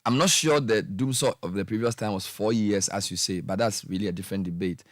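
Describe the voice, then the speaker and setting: A man, a smooth radio host probing a guest with pointed questions in a studio. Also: fairly low pitch, brisk, dry recording. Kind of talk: pressing radio interview.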